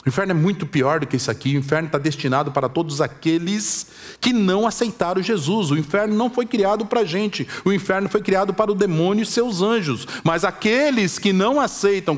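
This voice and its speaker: Animated Brazilian preacher, man. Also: high-pitched. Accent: Brazilian Portuguese. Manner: animated storytelling that swings from loud to hushed. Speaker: pastor. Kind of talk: sermon with a personal story.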